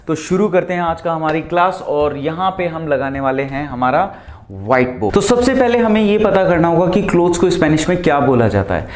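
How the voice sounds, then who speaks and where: Male language teacher, casual classroom delivery, stretches out each vocab word and spells it aloud, faint music underneath. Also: fairly high pitch. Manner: slow, drawn-out repetition of foreign words; spells words out letter by letter. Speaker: Spanish teacher. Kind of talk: beginner language lesson at a whiteboard.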